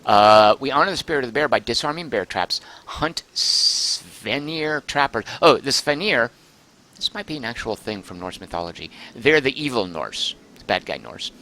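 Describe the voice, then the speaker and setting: A man streaming a game live, chatting excitedly, thinking aloud and reading chat messages aloud, close to his microphone. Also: mid-range voice, a little fast, a little hiss or hum. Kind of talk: live gameplay commentary.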